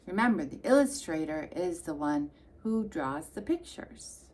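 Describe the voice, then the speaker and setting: Faint music plays behind a woman reading a picture book to small children, her fairly low voice unhurried, expressive, and sing-song. Now and then she turns to the kids with chatty remarks.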